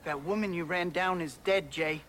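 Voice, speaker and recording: A man's voice: on the high side, normal speed, a bit bright, lightly acted. An actor playing a young man who sharply accuses his friend. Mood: accusing. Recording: film clip with noisy background.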